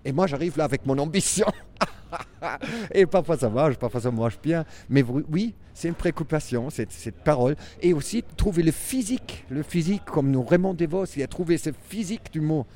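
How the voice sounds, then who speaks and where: German-accented man, halting and reflective. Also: on the high side, expressive, mellow. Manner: halting, many restarts, reflective. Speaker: circus performer and clown. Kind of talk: interview answers.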